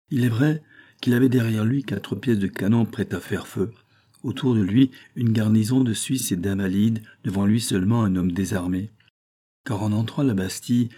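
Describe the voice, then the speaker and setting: Un narrateur de livre audio, homme, à la voix un peu voilée et sourde. Il lit le texte de façon mesurée, sans hâte, du début à la fin. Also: male voice, lowish voice, mellow, husky. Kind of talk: scripted narration.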